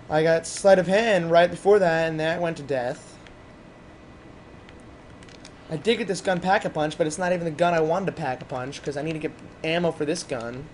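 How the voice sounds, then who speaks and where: Rambling man with a slightly high voice. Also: a little hiss or hum. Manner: rambling and excitable, talking to viewers. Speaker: gameplay commentator. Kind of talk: casual gameplay commentary.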